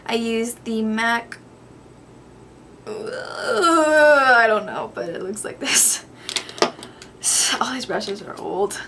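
Young woman, makeup vlogger, gushing chatty tone, slightly gravelly, faint room noise. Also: fairly high pitch, expressive, drawn-out words, long pauses. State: tired. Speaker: beauty vlogger. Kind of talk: makeup tutorial.

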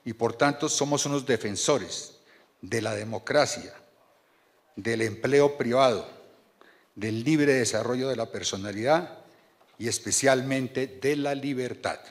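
A man, reading a measured and earnest formal speech from notes at a podium microphone in a large banquet hall. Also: medium pitch. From Colombia. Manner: measured and earnest, reads from paper with small restarts. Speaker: board chairman giving a speech. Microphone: podium microphone on a stand.

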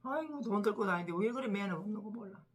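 A woman's voice: medium pitch, expressive, quick pace, a crowd in the background. Chatty older woman with a Gyeongsang accent. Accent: Gyeongsang Korean. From Gyeongsang region, Korea. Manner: chatty, teasing, laughs often, drops to soft murmurs. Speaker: vlogger, home caregiver. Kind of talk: casual morning chat to camera. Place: home, at the table with coffee.

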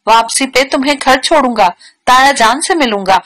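A woman's voice: high voice, moderate pace, a bit bright, poor audio. A woman voicing a playful, teasing young man in a read-aloud novel.

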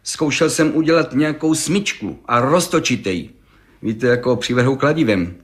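A man voicing an excitable, boastful middle-aged village gendarme who tells his tale in an eager, rambling rush. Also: mid-range voice, lightly acted. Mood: excited. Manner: rambling, eager, breathless storytelling. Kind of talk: audiobook reading.

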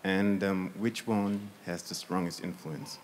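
A man in his twenties from Austria, asking a question carefully and deliberately. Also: low-pitched, fairly even intonation, long reverb tail, a little hiss or hum. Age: 20s. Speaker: audience member asking a question.

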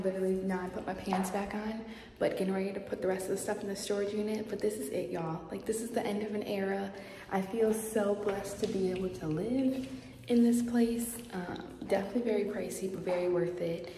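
A young woman with a lilt chatters quickly through a tour of her emptied apartment. She keeps repeating "here goes" as she points out each room. Her voice bounces around the bare rooms with a long, roomy echo, and steady noise sits underneath it. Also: mid-range voice. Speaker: vlogger. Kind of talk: casual vlog apartment tour. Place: empty apartment with bare hard floors. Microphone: handheld phone camera at arm's length. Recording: echoey empty rooms, noisy.

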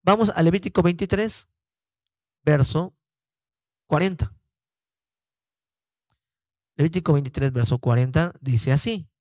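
Slow, deliberate older man teaching scripture. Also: fairly high pitch, darkish tone, dry recording. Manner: slow and deliberate, repeats words while explaining. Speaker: Bible teacher. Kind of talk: informal Bible teaching.

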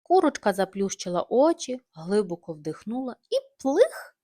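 A woman narrating a bedtime story for children, gentle and expressive. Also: mid-range voice, moderate pace.

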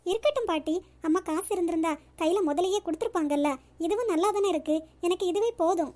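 A woman voicing a gentle young woman in a cartoon, devoted to her grandmother, soft and earnest. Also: extremely high pitch, fast talker. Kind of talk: cartoon voice acting.

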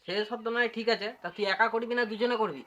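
Gruff old village grandpa. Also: male voice, very high voice, quick pace, pushed and bright, dull audio. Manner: bossy, curses, checks with repeated tag questions. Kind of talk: comedy sketch acting.

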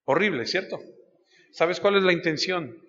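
A man's voice: high voice, lively intonation, normal speed, creaky, fairly bright tone. A man preaching a sermon as a pastor, telling stories and putting questions straight to his listeners. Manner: storytelling, addresses listeners directly with questions. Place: church. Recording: dull lo-fi sound with long church hall reverb.

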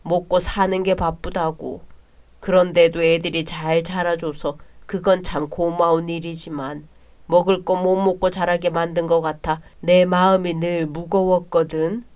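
A woman voicing an older widowed father-in-law who speaks slowly, wearily and with resignation. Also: fairly low pitch, little pitch movement, a little mellow, natural voice. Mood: weary.

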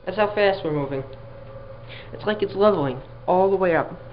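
Holding a camera in a small elevator, a man whose voice sits high talks at a moderate pace, giving a dry, exasperated casual running commentary on the ride. The audio from the camera mic is dull and lo-fi, with a faint hum.

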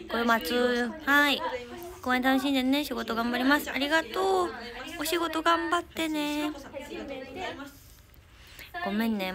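Teen girl, Kansai accent, fairly high voice, livestream chat host reading comments, loud crowd noise behind. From Japan. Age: teens. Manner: chatty, thanks viewers often, giggles.

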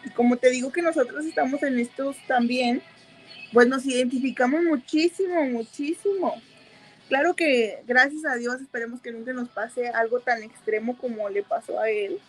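Woman, Mexican accent, slightly high, chatty and giggly, casual makeup chat with faint music behind. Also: steady tone, moderate pace, low-quality recording. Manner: chatty, giggly, full of o sea fillers. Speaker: makeup seller and host. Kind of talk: casual live chat while applying makeup.

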